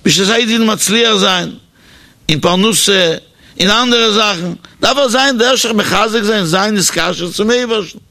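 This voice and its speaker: High, gravelly man telling a religious story. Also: moderate pace. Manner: animated storytelling, changing pitch for the people in the story; hesitant, with repeated words and fillers.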